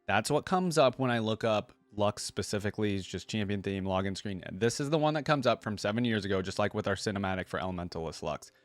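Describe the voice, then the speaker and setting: Here a reaction host with a fairly low, expressive voice rattles through his thoughts fast, barely pausing, on a dry recording. He keeps it casual and full of gaming slang while trailer and theme music play behind him.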